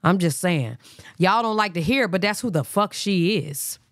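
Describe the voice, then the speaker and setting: A woman's voice: lowish voice, expressive, moderate pace, dry recording, clean studio sound. Blunt, profane woman streamer. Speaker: livestream host. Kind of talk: casual live reaction commentary.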